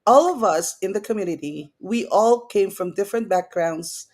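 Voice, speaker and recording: An effusive woman hosts an online interview, greeting her guest with lots of excitement. Her voice sits at an ordinary pitch and she chats along in an easy, upbeat manner. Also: normal speed. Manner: enthusiastic, effusive. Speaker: host.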